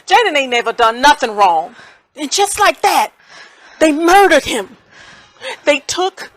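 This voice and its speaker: A woman acting a grieving mother in a stage play, speaking colloquially and swinging between hushed grief and angry outbursts. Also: on the high side, sing-song, normal speed, no echo, low-quality recording. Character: grieving mother, raw with sorrow and rage. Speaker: mother of a son shot by police.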